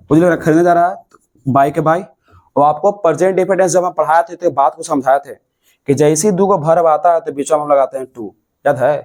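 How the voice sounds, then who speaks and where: A man's voice: a little high, darkish tone. A young man with a Bihari Hindi accent teaching a classroom grammar lesson, explaining step by step and answering his own questions.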